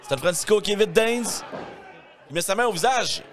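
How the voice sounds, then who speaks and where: A male wrestling commentator with a Quebec French accent delivers live play-by-play in a high-pitched, excitable voice. He exclaims and often shouts his calls, with a light crowd sound behind him. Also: moderate pace. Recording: live event with crowd noise.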